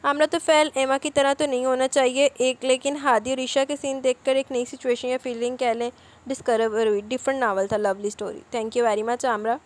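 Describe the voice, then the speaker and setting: A woman's voice: high-pitched, flat delivery, moderate pace. A woman who hosts a novel-reading channel, reading out viewer comments and answering each one in casual chat.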